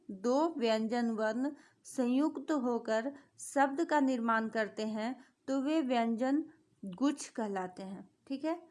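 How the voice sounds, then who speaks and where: Brief: young woman teacher, slow deliberate exam-prep explainer, slightly high voice. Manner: repetitive, asks and answers her own questions. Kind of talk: exam-prep grammar lesson.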